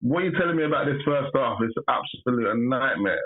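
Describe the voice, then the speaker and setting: A man's voice: mid-range voice, expressive, fast. A man calling in, a dramatic and despairing football fan chatting casually. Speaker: caller. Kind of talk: casual football chat over a phone call. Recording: tinny phone line.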